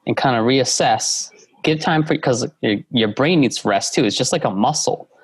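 A male entrepreneur giving business advice in a casual chat, halting, with many fillers and restarts. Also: mid-range voice, breathy edge, no echo. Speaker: guest entrepreneur.

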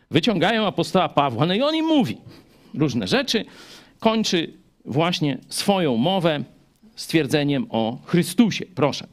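A man preaching a chatty Bible study sermon, full of rhetorical asides and questions to the listeners. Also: medium pitch.

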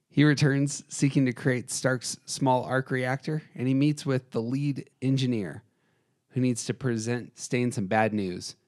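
A man's voice: medium pitch, fairly even intonation, slow pace, a bit bright. A man co-hosting a casual film discussion, narrating scenes and commenting on them. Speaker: co-host.

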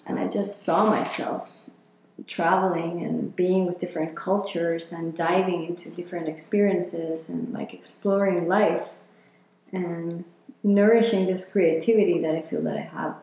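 Woman being interviewed, slow and reflective, lots of like and you know, really echoey room. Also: on the low side, steady tone, a little mellow, slight background noise. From Chile. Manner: reflective, talks with many fillers. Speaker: interviewee, healer. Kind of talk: casual interview.

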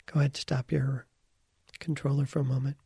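A man leading a slow guided visualization, calm and soft-spoken, sometimes slipping into a whisper. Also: medium pitch, creaky, breathy edge, dry recording, studio quality. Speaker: guided meditation leader.

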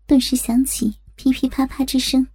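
A woman reading scripted story narration in a soft, breathy, creaky voice. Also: high-pitched, level tone, moderate pace, a little hiss or hum.

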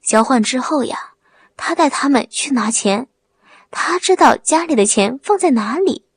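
Casting: woman voicing a young village man, timid act hiding cunning, husky, dry audiobook sound. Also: fairly high pitch, very animated, moderate pace, dry recording, heavily acted. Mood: pleading. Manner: timid stammering act, cold when angry.

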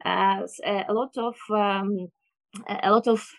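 A woman with a Ukrainian accent explaining things in an interview in careful, halting English, often searching for words. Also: medium pitch, fairly even intonation, dry recording. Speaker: interview guest.

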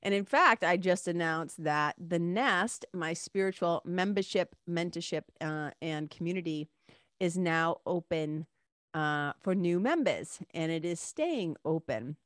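A woman's voice: on the low side, lively intonation, a little slow, a bit bright, no echo, clean studio sound. A woman with a stuffy, congested nose and a nasal sound, hosting a solo podcast in a casual, playful, lightly sweary chatty way. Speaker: podcast host.

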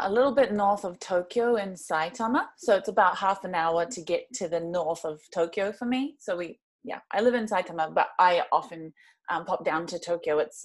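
A young adult woman from New Zealand, a podcast guest telling her story in a friendly way. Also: medium pitch. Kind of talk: casual podcast interview.

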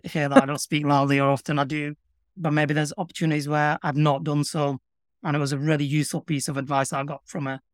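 A middle-aged man with a broad Yorkshire accent, speaking in a measured, earnest way as an interview guest. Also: on the high side, no room sound, studio quality. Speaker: interview guest, public sector communications professional. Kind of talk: reflective conversational interview.

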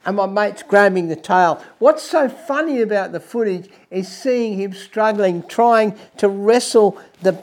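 An Australian man presenting as a wildlife host, telling adventure stories in a deliberate, emphatic, dramatic way, with music behind him. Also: high-pitched.

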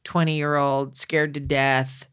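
A woman's voice: low-pitched, slow pace, smooth. A middle-aged woman co-hosting a podcast, telling personal stories in a candid, casual way. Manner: candid, storytelling, animated at times. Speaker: podcast co-host. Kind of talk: casual conversation.

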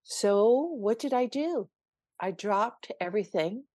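A woman's voice: medium pitch, animated, slow, warm tone, no echo, studio quality. An older woman, a spiritual coach, telling a personal story on a podcast in an earnest, emphatic way, with frequent restarts.

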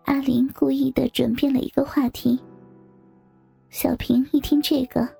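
A woman reading a scripted story aloud in a soft, half-whispered voice. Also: sits high, flat delivery, measured pace, vocal fry, breathy edge, soft background music.

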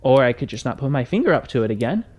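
A touchy young shopkeeper who keeps his father's prices, full of chatty sales patter and quick to get defensive, as a man puts him on during a tabletop game. His voice sits at an ordinary middle pitch and is talked a touch higher and brighter than plain speech. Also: big pitch swings, lightly acted. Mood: baffled. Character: young male smith's son, touchy haggling shopkeeper.

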